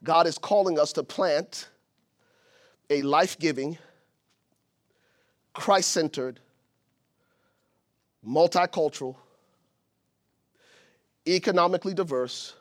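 Man from Liberia, pastor, preaching sermon, high voice, shouted emphasis. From Liberia, West Africa.

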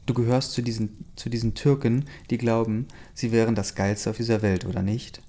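A man's voice: mid-range voice, flat delivery, brisk, dark tone, lightly acted. A man voicing a pushy, touchy teenage boy. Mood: accusing. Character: persistent, easily offended teenage boy.

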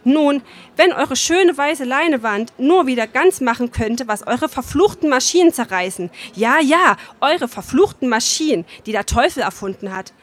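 A woman's voice: sits high, expressive, normal speed. A woman voicing a bitter, defiant working-class mother in a read-aloud story, speaking scornfully and with threat.

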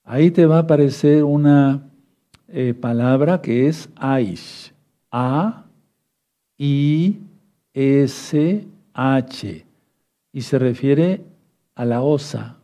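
A man's voice: medium pitch, dark tone. A man teaching a Bible study sermon, repeating key points, spelling out words and asking listeners to take notes. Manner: addresses listeners as beloved brothers, asks for note-taking.

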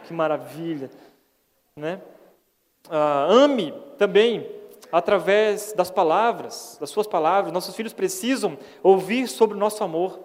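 A man's voice: high voice, expressive, unhurried, a little mellow. A man with a Brazilian Portuguese accent preaching a sermon in an earnest, folksy way, often asking for agreement. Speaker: pastor. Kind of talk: conversational sermon. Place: church hall. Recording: long church hall reverb.

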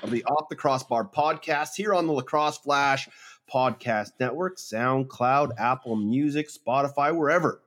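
A man's voice: medium pitch, moderate pace, fairly bright tone. A man hosting an upbeat sports podcast in a casual, slangy way. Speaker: podcast host.

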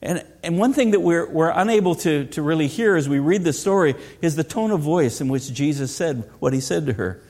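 A man's voice: fairly high pitch, lively intonation, a little fast, few pauses, darkish tone. A middle-aged man preaching a sermon as pastor, earnest and asking rhetorical questions.

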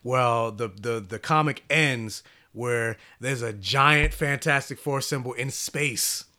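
A man's voice: medium pitch, slow pace, bright, forceful tone. Man casually rambling about a comic. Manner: rambling, with many fillers and restarts. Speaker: podcast host reviewing comics. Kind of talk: casual chat recapping a comic.

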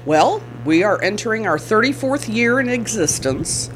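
A woman's voice: fairly high pitch, very animated, moderate pace, noisy background. A woman speaking as a guest in a local radio studio interview, representing a care center.

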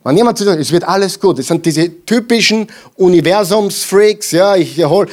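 A man preaching a sermon with emphatic repetitions and mocking asides, swinging between loud and quiet. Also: sits high, fairly quick. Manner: emphatic, repeats lines for the crowd to echo.

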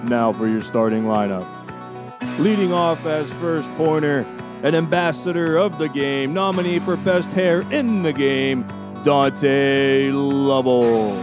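Man performing a ringmaster-style sports announcer: grandiose, drawn-out, hyped podcast intro delivery, music underneath. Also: medium pitch, close to an everyday voice. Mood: grand, hyped. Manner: grandiose, drawn-out words, rising shouts on names.

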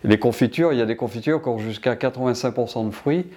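A man's voice: mid-range voice, fast talker, warm tone. An older man from Martinique answering interview questions about his business, hesitant with many restarts.

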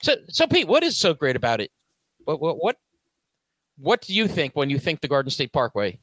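New man hosting a chat podcast; animated, bright, stumbling delivery. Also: on the high side, brisk, no room sound. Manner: stammering, repeats words, laughs often. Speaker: podcast host.

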